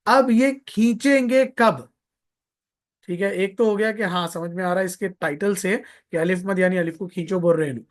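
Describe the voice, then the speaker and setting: A man's voice: high voice, fairly bright tone. A man teaching Quran recitation in a live online lesson, patiently repeating points, drawing out vowel sounds to demonstrate them and sprinkling in pious blessings.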